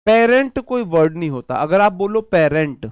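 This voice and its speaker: A male teacher gives an online exam-prep lesson, his voice a touch higher than most men's. He talks in a chatty, repetitive way, drilling key words and throwing in joking asides. The sound is close and dry, with no room echo. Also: big pitch swings, normal speed, smooth.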